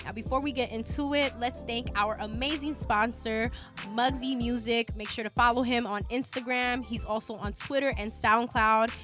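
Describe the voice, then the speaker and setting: High-voiced woman hosting a chat. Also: moderate pace, hardly any pauses, music in the background. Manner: laughing, animated storyteller, swears freely. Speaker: podcast host. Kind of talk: casual chat.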